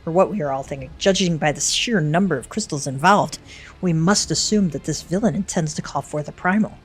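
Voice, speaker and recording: A woman voicing a grave male guard captain from a fantasy game, earnest and solemn in a low voice. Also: brisk, breathy edge, soft background music.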